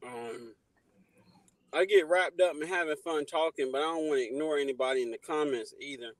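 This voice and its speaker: A man's voice: a little high, brisk, no room sound, low-quality recording. A man hosting a livestream in a casual, chatty style. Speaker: livestream host.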